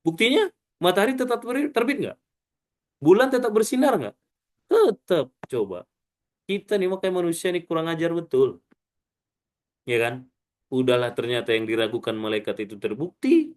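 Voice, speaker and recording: A preacher with a fairly high voice for a man, teaching from the front of a mosque. He leads his listeners call-and-response, asking short questions and waiting for them to answer. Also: expressive, normal speed, long pauses, darkish tone. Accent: Indonesian. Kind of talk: mosque study sermon.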